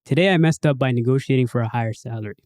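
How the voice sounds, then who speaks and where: A man's voice: medium pitch, rapid-fire, a little mellow, no echo. Man hosting, reading out submissions. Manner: switches into a bigger host voice for sign-offs. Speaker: podcast host reading listener submissions. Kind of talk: casual chat and reading aloud.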